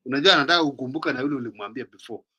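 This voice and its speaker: Kenyan male talk-show host, bright and forceful, lively and chatty, mixing languages. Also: mid-range voice, racing. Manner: animated, switches between English and Swahili, mimics others. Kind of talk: casual panel talk.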